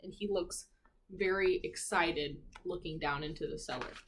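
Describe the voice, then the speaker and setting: With a lowish voice on a rough recording with slight background noise, a woman teacher reads a picture book aloud to young children. She's expressive, stopping to remark on the pictures and ask the kids chatty questions.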